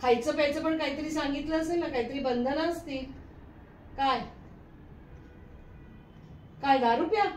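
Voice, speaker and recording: A woman's voice: high-pitched, steady tone, moderate pace, pauses often. An older woman in a comic sketch, nagging and scolding her husband at length. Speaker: wife. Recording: echoey room, mic from a distance, faint noise.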